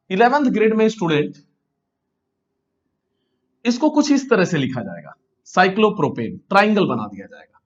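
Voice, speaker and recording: Lively high-voiced male science teacher. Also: muffled recording. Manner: asks questions and answers them himself, drawn-out key terms. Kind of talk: classroom lecture.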